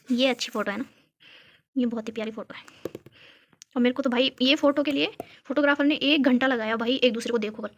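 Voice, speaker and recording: A woman's voice: fairly high pitch, moderate pace, long pauses. A young woman from Uttarakhand, chatting and giggling as she shows viewers a photo album, filmed on her phone at home. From Uttarakhand, India. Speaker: vlogger. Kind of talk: casual chat showing a photo album. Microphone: phone camera.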